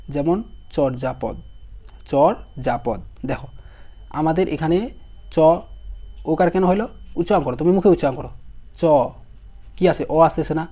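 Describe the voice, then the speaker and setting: A hoarse young man with a dark, mellow tone, fairly high for a man. He runs an online exam-prep lesson, sounding out each word slowly and asking his students questions as he spells it. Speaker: teacher.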